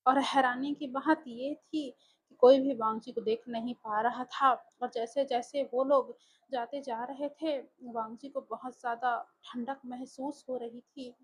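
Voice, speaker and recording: A woman narrating a dark fan fiction horror story with slow, deliberate delivery. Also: high-pitched, husky, poor audio.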